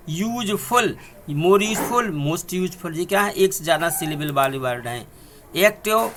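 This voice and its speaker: A man's voice: a little high, bright, forceful tone, slight background noise. A male teacher giving a video lesson, working through rules methodically, spelling words out letter by letter and repeating examples in sets. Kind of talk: classroom-style video lesson.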